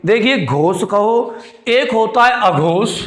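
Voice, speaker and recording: A man's voice: sits high, lively intonation, slow pace, fairly bright tone, echoey room. A male teacher, giving a classroom lecture. He repeats his points, quizzes his students and calls them his kids. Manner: calls students "beti" and "chhote" fondly. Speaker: Hindi grammar teacher.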